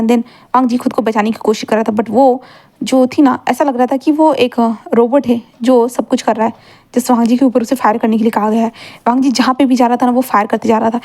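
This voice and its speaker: A woman's voice: fairly high pitch, darkish tone. A woman retelling a fan fiction story in a rambling way, repeating linking phrases.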